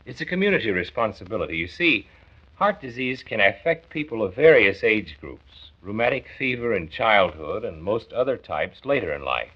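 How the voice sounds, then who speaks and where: In a muffled old 1940s radio drama, an actor voices a kindly, earnest county health doctor who explains things and tries to persuade, sounding concerned yet reassuring. His voice is fairly low, husky and sing-song, at normal speed.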